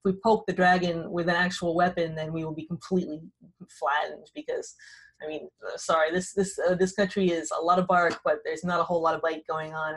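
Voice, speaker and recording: A woman hosting a podcast interview, talking in a wry, rambling way with frequent self-corrections. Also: low voice. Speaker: podcast host. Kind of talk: casual conversational interview.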